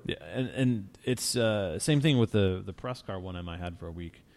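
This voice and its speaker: A man hosting a casual car talk show, telling stories in a relaxed, rambling way with many restarts. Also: low-pitched, normal speed. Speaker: podcast host.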